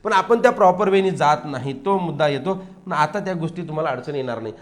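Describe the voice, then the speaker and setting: Male grammar teacher, high-pitched and animated, question-and-answer delivery. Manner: lively, asks and answers his own questions; slows right down to read English example sentences. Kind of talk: classroom-style grammar lesson.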